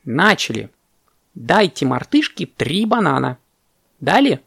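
A man's voice: a little high, sing-song, unhurried, creaky, voice pushed up, exaggerated voice. A man voicing a fussy, self-important male parrot teaching sums in a children's story, lecturing. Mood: instructing.

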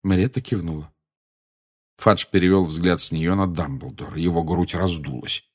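Husky-voiced male audiobook narrator. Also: deep voice, normal speed. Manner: expressive storytelling. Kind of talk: reading a novel aloud.

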